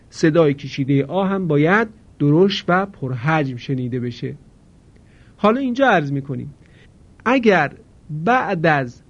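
A man teaching Quran recitation, explaining pronunciation rules and drawing out example words slowly and deliberately. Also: on the high side. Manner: slow, deliberate, drawn-out demonstrations of words. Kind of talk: tajweed lesson. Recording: dull lo-fi recording.

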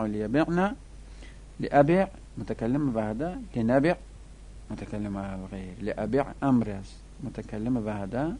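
A man teaching Arabic verb forms, chanting conjugations slowly and repeatedly in a sing-song way and stopping to correct errors in the textbook. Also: medium pitch, a little mellow. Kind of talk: classroom lecture.

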